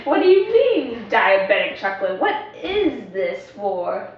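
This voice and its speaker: A young woman asking questions in a student video skit, slow and exaggerated, full of wide-eyed surprise. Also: medium pitch, big pitch swings, a little hiss or hum. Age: young adult. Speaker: student interviewer. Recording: echoey room, far from a dull mic.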